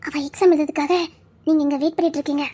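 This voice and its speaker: A woman playing a soft-spoken middle-aged woman weighed down by an old mistake, in an audio drama. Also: high-pitched, steady tone, very fast, natural voice. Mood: gentle. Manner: soft-spoken, tearful and emotional.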